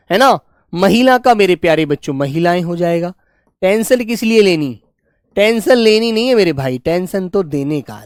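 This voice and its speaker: A man's voice: high voice, no room sound, studio quality. Man teaching with affectionate, repetitive questions. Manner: affectionate, repetitive, keeps asking students questions. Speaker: Hindi teacher. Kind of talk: online Hindi grammar lesson.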